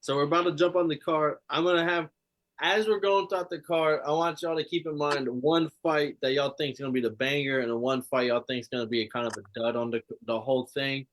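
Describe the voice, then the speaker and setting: A man hosting a relaxed fight-picks podcast, his voice a little higher than most men's. He talks in excited, rambling bursts, throwing in curse words as he goes. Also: brisk. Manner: excited, rambling, swears freely. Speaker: podcast host. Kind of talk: casual sports chat.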